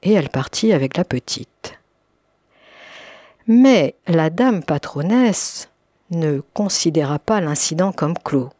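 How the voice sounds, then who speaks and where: A woman narrating an audiobook story with expressive, lively storytelling. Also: fairly low pitch, slow pace, no room sound, studio quality. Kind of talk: audiobook reading.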